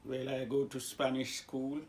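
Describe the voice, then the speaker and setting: Gravelly old Jamaican-accented man. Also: medium pitch, little pitch movement. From born in Cuba, raised in Jamaica. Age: 90s. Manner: halting, searches for words. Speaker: grandfather telling his life story. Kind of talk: casual interview.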